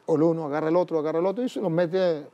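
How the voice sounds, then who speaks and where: A man's voice: on the high side, steady tone, very fast, mellow. A man, a priest, telling his life story in an interview, acting out the dialogue as he goes. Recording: dull, muffled sound.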